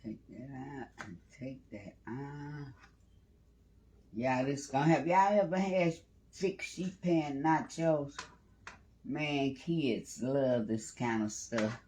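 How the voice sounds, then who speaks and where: There's slight background noise as a man with a medium-pitched, darkish voice hosts a casual home-kitchen cooking stream at a slow pace. He cooks, chats, and calls out to viewers by name.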